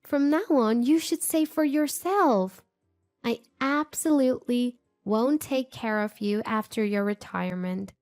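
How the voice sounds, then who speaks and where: A woman's voice: a little high, measured pace, darkish tone, pitched above the performer's own voice. A woman voicing a spoiled young woman who speaks in a cold, mocking, dismissive way. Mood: scornful.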